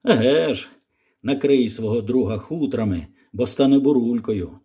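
A man's voice: medium pitch, animated, moderate pace, warm tone, husky, pitched below the performer's own voice. A man doing a hearty Texan balloonist. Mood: calm friendly. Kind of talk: audiobook character voice.

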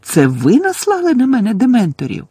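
A man's voice: very high voice, wildly swooping pitch, a little fast, dark tone, breathy edge, no echo, clean studio sound, pitched above the performer's own voice, heavily acted. A man reading an audiobook voices a shocked, defiant teenage boy who bursts out sharply and indignantly.

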